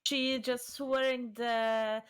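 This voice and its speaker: A woman speaks slowly and hesitantly over voice chat, searching for words with frequent fillers. Her voice sits a little high. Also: little pitch movement, smooth. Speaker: player. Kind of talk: tabletop role-play chat. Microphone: headset or desk mic over voice chat.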